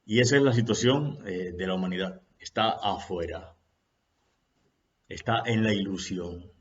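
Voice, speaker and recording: A man speaks in an unhurried, reflective way on spiritual matters and poses rhetorical questions to his listeners. His voice sits low. The recording is dull and lo-fi.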